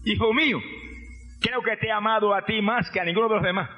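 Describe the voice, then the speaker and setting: Brief: a preacher putting on a devout dying old mother, hushed and gentle. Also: high-pitched, quick pace, close to an everyday voice. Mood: tender farewell. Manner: soft, tender farewell. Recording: dull lo-fi recording, faint music.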